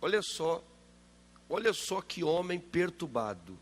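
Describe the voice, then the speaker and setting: A male pastor preaching a sermon, driving his points home with rapid rhetorical questions and loud emphatic peaks. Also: a little high, very animated.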